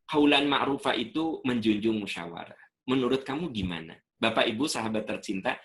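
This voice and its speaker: A middle-aged man giving an Islamic lecture, animated and fond of acting out what people say. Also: medium pitch, brisk. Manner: animated, acts out quoted speech. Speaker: invited Islamic speaker.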